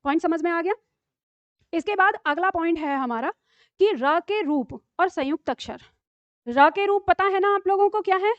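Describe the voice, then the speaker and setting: Woman teacher, high voice, patient explainer with frequent check-in questions, dry dull recording. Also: animated, normal speed, no echo. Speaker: Hindi teacher. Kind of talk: online classroom lesson.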